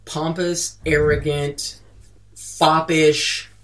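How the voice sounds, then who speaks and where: Slow-talking podcast host, lots of uh and um, repeats words, casual book-club chat. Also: medium pitch, level tone. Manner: hesitant, many "uh" and "um", repeats words.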